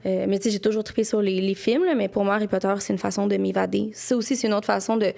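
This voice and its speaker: A woman's voice: mid-range voice, fairly even intonation, fast, gravelly, a little mellow. A young woman with a Quebec French accent, chatting casually as a podcast guest and filling her speech with little asides. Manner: chatty, lots of fillers like "là" and "tu sais". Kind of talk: casual interview chat.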